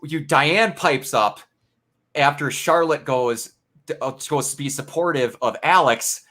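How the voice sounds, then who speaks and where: A man's voice: on the high side, a little slow, bright, forceful tone. A man in a casual spoiler review chat, rambling and acting out scenes in quoted voices. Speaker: game reviewer.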